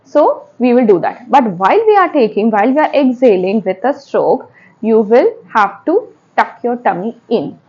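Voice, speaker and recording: A woman's voice: on the high side, sing-song, normal speed, warm tone, lo-fi sound. A woman with an Indian accent giving spoken yoga instruction step by step, repeating and rephrasing key points as she goes.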